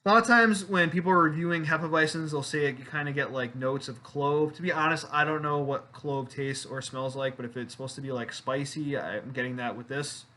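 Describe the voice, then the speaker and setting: A man's voice: on the high side, steady tone, brisk, few pauses, bright, forceful tone. A man hosting his own beer review channel, chatting casually to the camera with fillers and self-deprecating asides.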